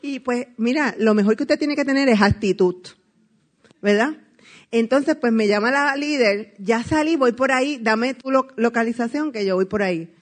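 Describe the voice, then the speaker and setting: Lively Puerto Rican woman telling a story. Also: a little high, normal speed. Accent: Puerto Rican Spanish. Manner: lively storyteller, acts out dialogue, laughs often. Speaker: network marketing speaker. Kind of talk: motivational testimony talk.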